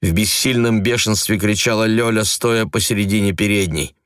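A man narrating an audiobook in a calm, even storytelling manner. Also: lowish voice, normal speed, no echo, studio quality.

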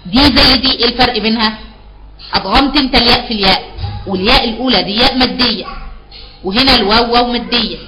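Quick-talking Egyptian woman teacher. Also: fairly high pitch, over loud music, poor audio. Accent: Egyptian Arabic. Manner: explains patiently, repeats key terms as questions. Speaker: Quran recitation teacher. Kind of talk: live online class.

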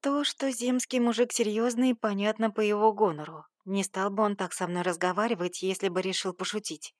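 A woman reading a novel aloud in the first person, in a sardonic, lively way. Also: medium pitch, no echo, studio quality. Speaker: audiobook narrator.

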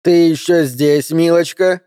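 A man reading aloud voicing a furious, sharp-tongued woman who snaps and mocks. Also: medium pitch, unhurried, dry recording, clean studio sound, natural voice. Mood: mocking. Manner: snapping and sarcastic.

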